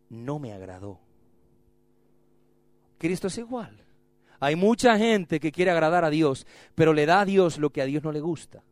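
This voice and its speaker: A man who is a pastor, preaching an animated sermon full of stories and calling on the congregation to repeat after him. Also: fairly high pitch, dry recording, studio quality. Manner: animated storytelling with call-and-response to the congregation.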